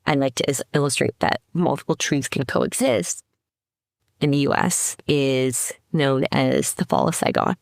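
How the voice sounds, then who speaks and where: Speaking with a gravelly bass voice at a measured pace, this middle-aged CEO from the Seattle area, United States, reflects on her story as a podcast guest. She restarts frequently and leans on fillers in this casual interview. The studio-quality recording has no echo.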